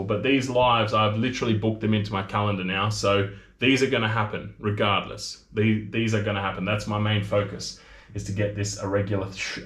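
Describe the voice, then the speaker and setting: An Australian maker in his thirties hosts a casual livestream from his workshop, rambling from topic to topic and reading viewer comments aloud. His voice is lowish, and the camera audio picks up an echoey room.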